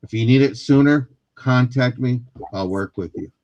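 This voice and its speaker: A man's voice: mid-range voice, normal speed, a little mellow, no room sound. Joking man with a dull, dry sound. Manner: joking, reassuring, laughs often. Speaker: seller explaining shop rules. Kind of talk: live sale chat.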